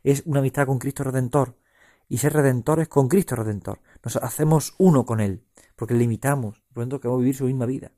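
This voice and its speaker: A man from preaching a spiritual talk, in slow, repeating phrases that rise suddenly in emphasis. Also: warm tone. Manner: slow, repetitive, meditative phrasing with sudden rises in pitch and force. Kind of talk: spiritual talk on Ignatian meditation.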